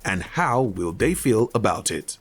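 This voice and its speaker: A man narrating a television cooking competition as a scripted voice-over, with a measured, dramatic delivery. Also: lowish voice, big pitch swings. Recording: voice-over with music bed.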